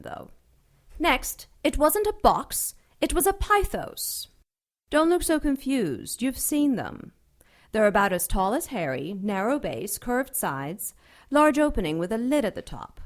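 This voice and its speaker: With a fairly high pitch, a woman plays an imperious, sardonic ancient dark angel in an audio drama. Her taunting is theatrical and deliberate.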